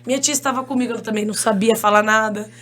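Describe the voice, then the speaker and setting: Woman, Brazilian Portuguese accent, animated storyteller, language teacher guest, slightly high pitch. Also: rapid-fire. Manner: animated, chatty, laughs often, addresses listeners as "gente". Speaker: English teacher, podcast guest. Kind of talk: casual interview storytelling.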